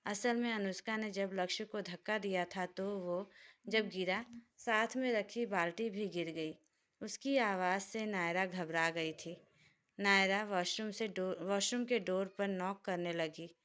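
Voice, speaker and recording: A woman reading a romantic story aloud in a steady, expressive narration. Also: mid-range voice, a little slow.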